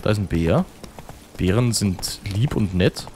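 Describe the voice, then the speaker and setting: A man's voice: fairly low pitch, animated, a little slow, a little mellow, slight background noise. A man giving casual, joking gameplay commentary and reading game text aloud. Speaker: let's play host.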